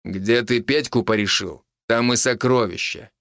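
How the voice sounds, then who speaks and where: A man voicing a calm, tough police major who speaks low, quiet and hoarse. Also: a little slow, no room sound, clean studio sound. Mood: grim.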